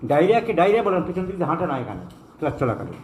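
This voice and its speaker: Man homeopathy teacher, high voice, lectures in an animated, scolding way, echoey classroom with faint noise behind. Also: very fast.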